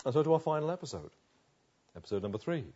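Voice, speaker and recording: Man, preacher, husky voice, fairly high, swings loud to soft, dull lo-fi sound. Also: big pitch swings, quick pace. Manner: dramatic storytelling, voicing quoted figures, swings from loud emphasis to soft asides. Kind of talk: expository sermon. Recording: dull lo-fi recording.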